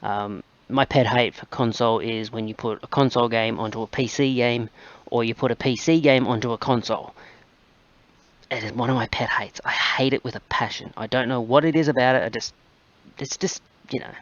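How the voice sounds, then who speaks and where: A man's voice: medium pitch, steady tone, a little fast, no echo, lo-fi sound. Guy chatting away over a game he's playing, lots of ums, dry close mic. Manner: rambling, chatty, with frequent fillers. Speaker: gaming channel host. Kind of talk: casual gameplay commentary.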